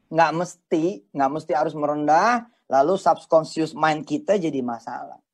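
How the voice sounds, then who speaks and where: A man's voice: on the high side, normal speed. A man, a preacher giving a casual, joking religious talk in slangy speech.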